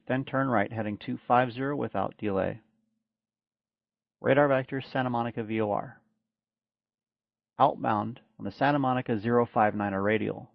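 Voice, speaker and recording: Over a muffled, dry radio transmission with no echo, a male air traffic controller issues clearances. He speaks at medium pitch in quick, clipped phrasing.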